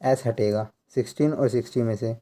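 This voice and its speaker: A man giving a slow tutorial, counting out numbers one by one and explaining how each is read. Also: medium pitch, mellow. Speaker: language teacher.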